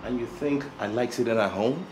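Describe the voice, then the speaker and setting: A man's voice: mid-range voice, brisk, darkish tone, slight background noise, lightly acted, low-quality recording. An actor in his thirties playing a resentful, proud husband in a film drama, indignant and emphatic. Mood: angry.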